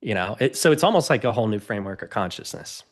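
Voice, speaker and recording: A man's voice: fairly low pitch, very animated, fast talker. A middle-aged man, a guest on a podcast, talking earnestly and expansively in a casual interview. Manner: earnest, expansive, gestures while explaining.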